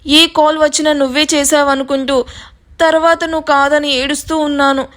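A woman's voice: sits high, level tone, normal speed, a bit bright, pitched above the performer's own voice. A woman voicing a tearful middle-aged mother who pleads to hear her daughter. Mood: pleading. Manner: pleading, emotional.

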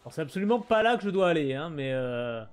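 A man's voice: on the high side, big pitch swings, fast, clear, resonant tone. A man casually commenting on his gameplay, chatting with viewers and reading on-screen text aloud in a muttering way. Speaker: gaming streamer. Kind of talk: casual let's play commentary. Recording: light game music behind.

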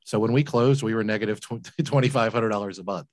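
Here's a fast-talking man whose voice sits on the low side, recorded without room sound. In his forties, he owns a laundromat business and, as a video call interview guest, shares his story with earnest emphasis, echoing his own words when moved. The setting is an indoor room at home, with a large desk mic and headphones.

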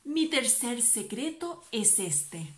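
A woman voicing a wise, calm old grandfather frog who speaks gently. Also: on the high side, slow, echoey room. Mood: gentle.

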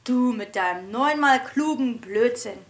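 A woman's voice: on the high side, lively intonation, measured pace. A woman doing a grumpy growly dog. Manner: curt, scolding. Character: grumpy jealous female family dog.

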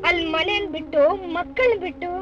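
A woman's voice: extremely high pitch, brisk. An actress playing a timid young wife and stepmother who pleads anxiously. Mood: pleading. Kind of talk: 1960s film acting. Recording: dull old film soundtrack with music.

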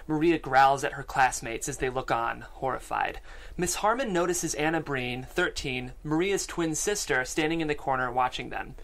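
A young adult man hosts a show and reads stage directions from a script, talking casually into a close studio microphone fitted with a foam windscreen. His voice sits on the high side, gravelly and a bit bright. The setting is a small podcast studio.

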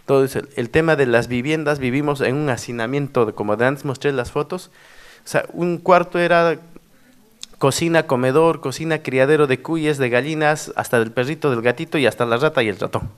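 A clear, resonant, medium-pitched voice belongs to a middle-aged man from Cusco, Peru, a onetime mayor recounting anecdotes at a conference workshop. He talks a little fast, animated, tacking questions onto the ends of his sentences.

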